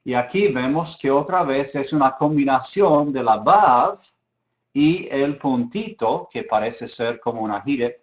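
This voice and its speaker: A man's voice: medium pitch, expressive, unhurried. A man teaching a beginners' class, explaining patiently, repeating key terms and often checking understanding with "¿sí?" and "¿ok?". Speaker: Biblical Hebrew teacher. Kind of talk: slow explanatory lecture. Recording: dull lo-fi recording.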